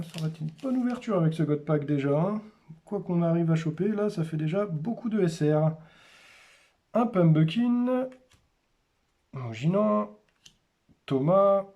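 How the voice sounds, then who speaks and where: Male host, casual unboxing commentary, slow delivery, names items one by one. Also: fairly high pitch, dark tone, dull audio. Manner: names cards one by one in short, unhurried remarks. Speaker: host opening a card display.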